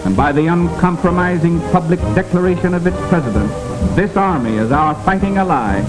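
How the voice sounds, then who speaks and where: A man's voice: a little high, a little fast. A man narrating a 1940s wartime newsreel in a formal, declamatory, rousing manner. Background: loud orchestral music.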